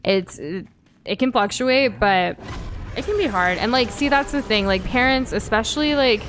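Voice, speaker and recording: On a game stream, a young American woman co-hosts in a voice on the high side, slightly bright, at a moderate pace. Some faint background noise is present as she talks candidly, reads viewers' comments, and keeps restarting and using fillers.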